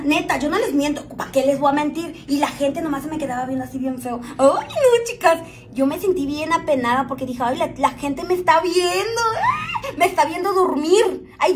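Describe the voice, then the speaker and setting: Chatty Mexican woman with a high voice. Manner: chatty, joking, calls viewers "chicas". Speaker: vlogger doing makeup on a live stream. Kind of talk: casual chat to viewers.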